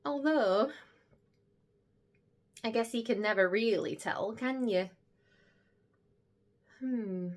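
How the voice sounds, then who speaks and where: An actress playing a gossipy, excitable young vlogger, gushing and gasping as she talks in a comedic monologue. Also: on the high side, slow, long pauses. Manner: gushing, gossipy, breathless gasps and squeals.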